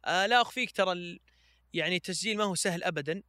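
Bright high-voiced man from Switzerland. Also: no room sound. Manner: slow drawn-out chanting in recitation, hesitant fillers when chatting. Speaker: podcast guest, Quran reciter. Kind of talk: melodic Quran recitation and casual chat.

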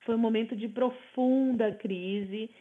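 A woman co-hosting a casual podcast chat, sharing reflective stories. Her voice sits a little high, and it comes through a narrow, phone-like line. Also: fairly even intonation, slow. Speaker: podcast co-host. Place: at home in the United States.

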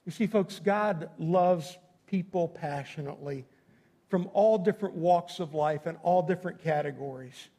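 A man's voice: on the high side, normal speed, dark tone. A man preaching to a congregation as a pastor, speaking emphatically and directly to his listeners in a folksy way, repeating phrases for effect. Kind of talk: sermon to a congregation.

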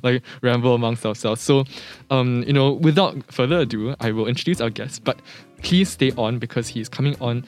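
A man's voice: medium pitch, a little fast, hardly any pauses, faint music behind. A young man co-hosting a casual chat show from a studio. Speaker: podcast co-host.

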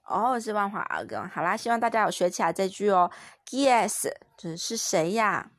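Playful Taiwanese mom teaching French. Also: female voice, mid-range voice, normal speed, no room sound, studio quality. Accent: Taiwanese Mandarin. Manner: patient, playful and encouraging. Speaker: mother teaching her toddler French. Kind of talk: home-recorded French lesson with a child.

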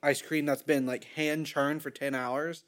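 Casual man with a slightly high voice. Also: flat delivery, unhurried. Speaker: podcast co-host. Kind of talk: casual chat.

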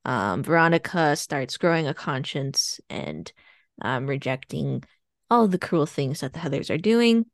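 A woman's voice: deep voice, lively intonation, measured pace, vocal fry, no room sound, clean studio sound. A woman co-hosting a podcast, chatting casually and retelling a plot with lots of fillers. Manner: rambling plot summary with fillers and laughs. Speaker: podcast co-host. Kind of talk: casual chat.

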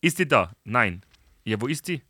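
A young man, a podcast host, chatting casually and acting out stories with lively dialogue. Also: mid-range voice, moderate pace, no room sound. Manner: animated storyteller, acts out dialogue. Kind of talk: casual chat.

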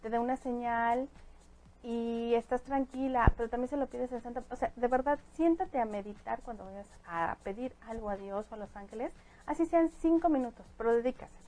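Woman, higher pitch, calm, explanatory, spiritual chat. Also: a little fast, low-quality recording. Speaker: guest angel reader. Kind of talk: casual chat.

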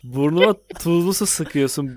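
A man's voice: a little high, normal speed, darkish tone. A man co-hosting a casual podcast, joking with dry quips. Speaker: podcast co-host.

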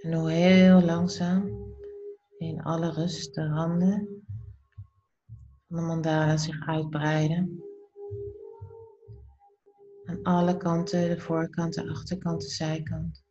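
Woman, low and even soft voice, guided meditation, soothing, unhurried pauses, breathy phrase endings, slightly muffled recording. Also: faint music behind.

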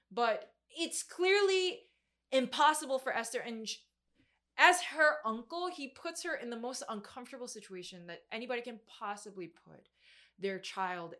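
A woman in her mid-twenties, with a high, slightly bright voice, preaches to a group. Her sermon is a conversational Bible exposition, informal and emphatic, sprinkled with youthful slang.

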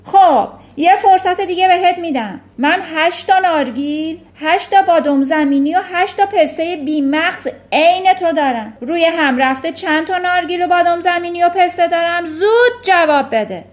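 A woman's voice: very high-pitched, few pauses, pitched above the performer's own voice. A woman reading a children's storybook aloud, voicing a furious, bullying headmistress who roars insults and barks commands. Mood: scornful yelling. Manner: roaring insults, barking commands.

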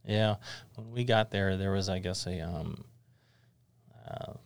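A middle-aged man hosts a casual interview podcast from an office studio, his low voice moving slowly with a clean tone and no room sound. He's friendly and rambles a little, leaning on lots of fillers.

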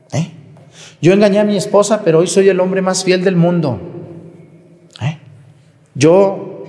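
A priest preaching a blunt, conversational homily at Sunday Mass, now and then mimicking flatterers in high voices. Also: male voice. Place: church. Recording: echoey church with long reverb.

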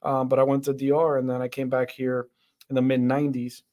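A man from the Dominican Republic, a guest on a podcast, reflecting earnestly on his views. His voice sits at a middle pitch but stays fairly flat, and he often circles back with fillers and repeated words. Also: a little fast. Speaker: podcast guest, center director. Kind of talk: interview conversation.

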